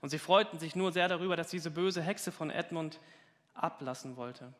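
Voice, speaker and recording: A man's voice: on the high side, moderate pace, fairly bright tone. Man reading a story in an echoing hall. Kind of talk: expressive story reading in a talk.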